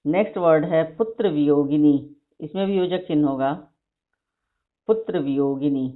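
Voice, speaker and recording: A woman teacher dictating a vocabulary list to her class, repeating each word slowly and explaining spelling. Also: low voice. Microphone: phone recording of an online class. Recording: tinny phone-like screen recording.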